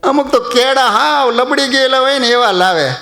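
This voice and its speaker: A man's voice: extremely high pitch, moderate pace, pushed and bright. A male preacher telling a devotional story in a chatty way, often putting questions to his audience. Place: temple hall. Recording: echoey hall, faint music behind.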